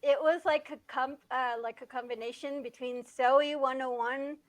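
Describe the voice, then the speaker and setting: A woman's voice: sits high, steady tone, normal speed, low-quality recording. A woman in her late twenties, a guest filmmaker, chatting casually in a podcast interview, laughing often and restarting her sentences. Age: 20s.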